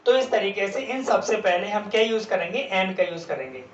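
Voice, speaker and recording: Man, English teacher, grammar lesson, spells words out, higher voice, distant echoey mic. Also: expressive, a little fast. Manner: spells words letter by letter, asks and answers own questions. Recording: roomy, distant, dull lo-fi sound with faint background noise.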